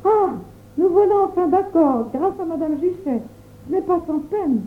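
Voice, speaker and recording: A woman's voice: very high-pitched, animated, slight background noise, voice pushed up. A woman voicing a clever, mischievous young girl in a storybook reading. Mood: sly. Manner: mischievous, brisk. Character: sly cheerful young girl, clever and quick. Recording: tinny phone-like sound.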